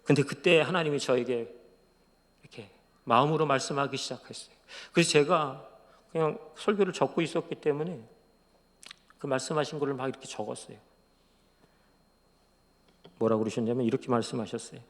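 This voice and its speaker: Male pastor, sermon testimony, hushed then loud and emotional, long church reverb. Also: medium pitch, fairly quick, pauses often. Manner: swings from hushed quiet to loud emotional outbursts. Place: church sanctuary.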